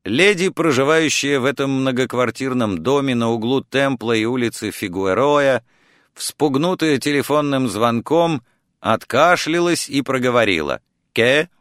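Animated male audiobook narrator. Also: mid-range voice, moderate pace, no room sound, studio quality.

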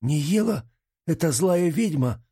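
A man's voice: medium pitch, gravelly, warm tone, husky, no echo, clean studio sound. A man reading as a pleading young mage. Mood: bewildered. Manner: pleading, slow. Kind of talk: audiobook character reading.

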